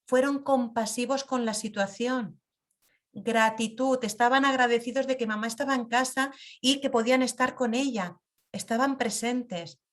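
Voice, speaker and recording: A woman teaching a class on compassion, telling personal stories in an intimate, emphatic way with pauses. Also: a little high. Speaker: meditation and personal growth teacher. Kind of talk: reflective lesson with personal stories.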